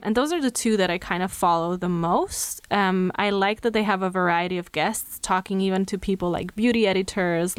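A woman's voice: medium pitch, clear, resonant tone, no room sound. A woman from Slovenia, a makeup artist, chatting casually as a podcast guest and laughing easily.

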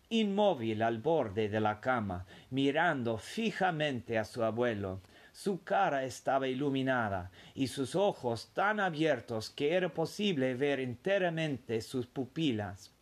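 A man reading a children's story aloud as narrator, measured and expressive. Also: medium pitch.

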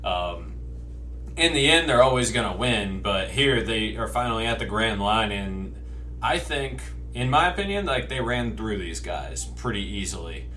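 A man co-hosting a casual podcast, talking hesitantly with many pauses and fillers. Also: lowish voice, animated, pushed and bright, far from the mic, soft background music. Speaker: podcast co-host.

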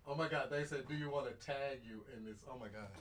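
A man's voice: medium pitch, quick pace. A man guesting on a podcast, bantering and joking in laid-back casual chat.

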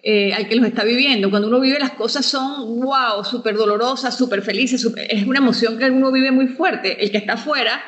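A woman hosting a relaxed podcast chat. She backs up her guest's points, restates them in her own words and steers the talk toward its close. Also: fairly high pitch, brisk, hardly any pauses. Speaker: podcast host. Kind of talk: casual podcast conversation.

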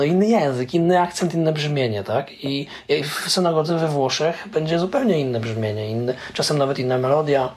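Man explaining at length, halting fillers. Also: a little high. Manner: hesitant, many filler "e" pauses. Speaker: interviewee, Hebrew scholar. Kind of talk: conversational explanation.

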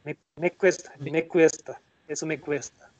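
A man's voice: fairly high pitch, fairly even intonation, a little slow, a little mellow. A man chatting casually and hesitantly, repeating words while he searches for them. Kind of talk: casual conversation.

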